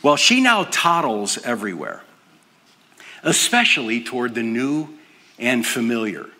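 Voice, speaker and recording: An older man preaching with a bright, forward tone, earnest and dropping to a hush to stress a point. His voice rings out with a long reverb in a large hall. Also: medium pitch, sing-song, a little slow. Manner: earnest, drops to a soft hush for emphasis. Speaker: pastor. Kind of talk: sermon.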